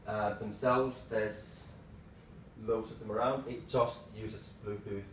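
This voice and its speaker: A man gives a casual slide talk in a low-pitched voice, speaking in short, broken phrases. He is picked up from across a small meeting room, with plenty of room reflection and clearly audible noise. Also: steady tone, slow. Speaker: tech presenter, developer. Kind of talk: informal slide presentation, lightning talk. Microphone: far camera microphone. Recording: roomy, distant mic with clear background noise.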